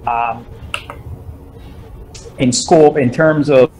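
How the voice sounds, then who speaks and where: A middle-aged man from Barbados, giving measured interview answers as a guest entrepreneur and often repeating words while he gathers his thoughts. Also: mid-range voice, fairly even intonation, darkish tone, slight background noise, rough recording.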